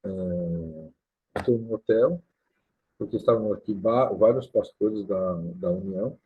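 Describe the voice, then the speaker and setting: A Brazilian man, a pastor, speaks in a low, gravelly voice with a heavy husky edge. He talks casually and explains things at an easy pace, tagging many sentences with "né?". The recording is thin and tinny, like a phone line. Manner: explains slowly with many "né?" tags. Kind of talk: casual talk to camera. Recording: tinny lo-fi sound.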